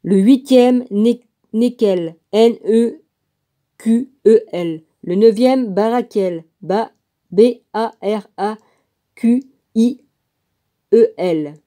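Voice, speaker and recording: A woman reads aloud slowly, stopping to spell names letter by letter and talk to herself about them. Her voice sits a little high but sounds very dark and mellow. She keeps it casual and unhurried. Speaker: reader of a religious text. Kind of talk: casual reading aloud with asides.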